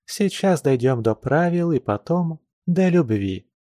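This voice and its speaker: A man reading a serene noblewoman, lightly ironic, lifted pitch, dry close audiobook sound. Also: animated, unhurried, warm tone, dry recording. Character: calm composed young noblewoman cousin. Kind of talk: audiobook reading of a classic novel.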